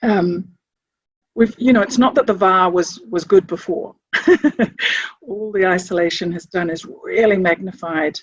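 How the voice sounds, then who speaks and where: A middle-aged woman from Samoa, a chief executive, speaking reflectively to camera and often pausing to search for words. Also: on the low side, slightly rough, dry recording, dull audio. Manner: thoughtful, searching, with restarts. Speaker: chief executive of a leadership organisation.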